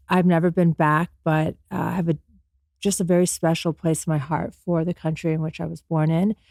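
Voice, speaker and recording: A woman in her forties with a lowish voice, born in Afghanistan and raised in America. She speaks as a podcast guest in an earnest, motivational tone, pausing often on "um". The sound is dry and close, with no room echo. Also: mellow. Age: 40s. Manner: earnest, motivational, with frequent ums. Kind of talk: reflective personal storytelling.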